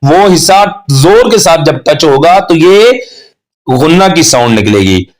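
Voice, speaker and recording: A man teaching tajweed pronunciation, patiently correcting mistakes and slowly stretching out recited examples. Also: on the high side, sing-song. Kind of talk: tajweed lesson with slow demonstrations.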